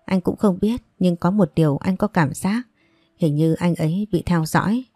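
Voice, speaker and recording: A woman narrator voicing a calm young man who tries to soothe a friend. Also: lowish voice, normal speed, husky, no room sound, studio quality, soft background music. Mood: soothing.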